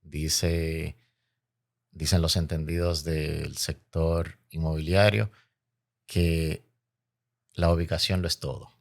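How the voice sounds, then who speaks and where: A man with a Caribbean Spanish accent from the Dominican Republic speaks in a very low, creaky voice. He explains his points in an interview with oratorical emphasis, repeating key phrases. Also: level tone, slow, pauses often. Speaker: interview guest, logistics expert.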